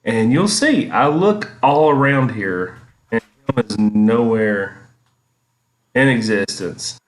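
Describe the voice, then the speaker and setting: A man's voice: medium pitch, lively intonation, takes it slowly. A man giving casual, rambling commentary as he reminisces over his own vlog footage. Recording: echoey, roomy sound.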